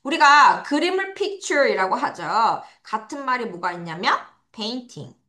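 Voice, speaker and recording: A private-academy English teacher with a slightly high, pushed and bright voice runs an online vocabulary lesson for children, her pitch swinging widely. She answers her own questions, spells each word one letter at a time, and says every word in a slow, drawn-out way for the pupils to repeat.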